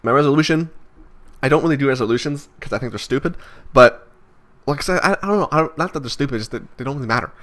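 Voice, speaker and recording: Here a male vlogger in his 20s reflects casually to the camera at a quick pace. The voice sits mid-range with a fairly bright tone, and the delivery wanders, hesitant and peppered with fillers and restarts.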